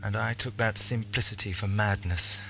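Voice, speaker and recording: An actor playing an anguished, self-blaming eccentric adventurer in an audio drama, theatrical and brooding with bitter outbursts. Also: male voice, fairly low pitch, steady tone, moderate pace, vocal fry, sharp tone. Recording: faintly noisy 1980s amateur audio tape.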